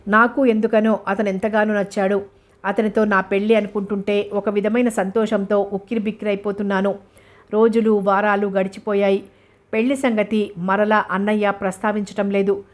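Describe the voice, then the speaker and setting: A woman narrating a novel in a steady, even reading manner. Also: mid-range voice, normal speed.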